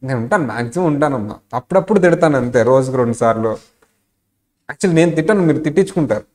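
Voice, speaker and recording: Male lecturer with a Telugu accent, mid pitch, classroom delivery, asks questions and acts out quick scenes. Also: animated, darkish tone. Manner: mixes English into his talk, asks the class questions. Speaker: auditing lecturer. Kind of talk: classroom lecture with acted examples.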